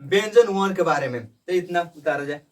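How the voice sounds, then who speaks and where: A man teaching a classroom grammar lesson in a fairly high voice, throwing questions out and answering them himself. He repeats each point to drill it in and keeps addressing his pupils as "brother". He sounds a little distant from the microphone. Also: fairly quick. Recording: voice somewhat far from the mic.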